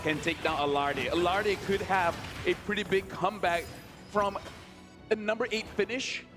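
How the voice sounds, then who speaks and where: A man doing live esports commentary as a caster, excitable and emphatic. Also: high voice, normal speed, music in the background.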